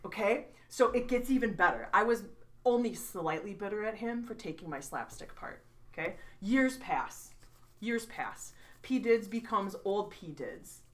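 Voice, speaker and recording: A woman's voice: mid-range voice, expressive, moderate pace, fairly bright tone, recorded from a distance. A young woman co-hosting a casual chat, telling a story with lots of "like"s and playful emphasis. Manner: chatty, many "like"s, playful emphasis.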